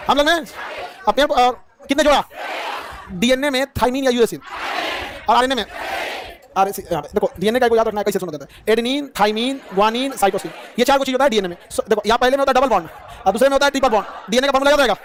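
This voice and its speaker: A male teacher drilling a class at high speed, firing off questions and often shouting the answers himself. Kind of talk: rapid-fire classroom quizzing. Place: classroom with students. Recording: noisy crowded classroom.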